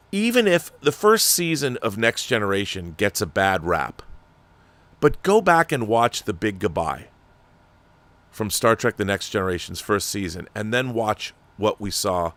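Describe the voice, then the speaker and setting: A man hosts a show reading viewer letters, giving opinionated commentary that is emphatic and critical, and he often restarts his sentences. His voice is fairly low and a bit bright, and the recording is dry.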